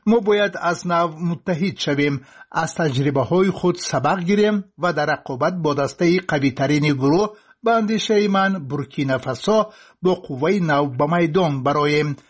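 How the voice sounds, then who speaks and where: A man reads a sports bulletin from a script. His voice sits a little high for a man and has a husky edge. He keeps a formal, measured newsroom delivery. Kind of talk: scripted sports news reading.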